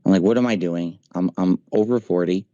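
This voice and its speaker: A man's voice: low voice, fairly quick, warm tone, dry recording, highs cut off. A man in his forties in a casual voice chat, talking emphatically and venting with profanity. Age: 40s. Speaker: streamer. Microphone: voice chat mic.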